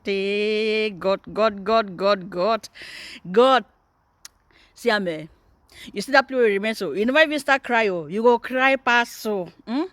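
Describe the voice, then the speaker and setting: A woman's voice: fairly high pitch, no echo. A Nigerian woman vlogger giving teasing, mocking commentary. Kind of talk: casual commentary in Pidgin.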